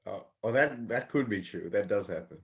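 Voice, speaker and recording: A man's voice: fairly low pitch, animated, moderate pace, husky, lo-fi sound. A young man co-hosting a podcast, easygoing and laughing often in casual chat. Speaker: podcast co-host.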